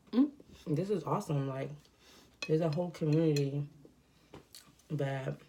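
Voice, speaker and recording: There's slight background noise as a young adult woman, a mukbang vlogger, eats at home and chats in a deep, gravelly voice. She's relaxed and rambles with many fillers while breathing heavily due to a cold.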